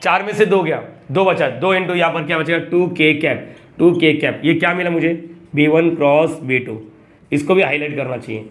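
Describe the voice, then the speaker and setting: A man's voice: a little high, normal speed, fairly bright tone. A young man teaches a math lesson. He talks in a chatty, coaxing way and keeps firing questions at his students as he works through each step. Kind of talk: classroom lecture.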